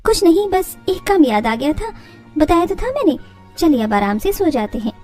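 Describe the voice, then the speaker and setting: A woman voices a young daughter-in-law in a cartoon family story, sounding cheerful, confident, a little sly, and reassuring. Her voice is high and very animated with a darkish tone, delivered at a moderate pace over faint background music.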